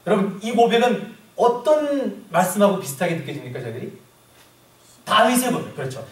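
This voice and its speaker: Emphatic Korean pastor in an echoey hall. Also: male voice, high voice, recorded from a distance. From South Korea. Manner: slow, emphatic scripture reading with congregation asides. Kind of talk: sermon.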